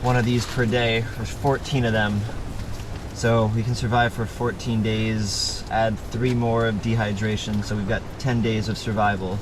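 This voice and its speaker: A man speaks at a normal speed with little pitch movement, improvising in a homemade survival drama in a plain, practical, conversational, slightly hesitant way. A loud boat engine, water noise, and vehicle rumble fill the background.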